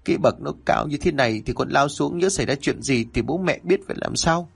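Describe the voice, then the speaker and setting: A man's voice: animated, a little fast, creaky, husky, full character voice. A man voicing an anxious middle-aged mother who frets over her injured son in a ghost story. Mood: worried. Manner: shrill, anxious. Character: frantic middle-aged mother, worried and fearful.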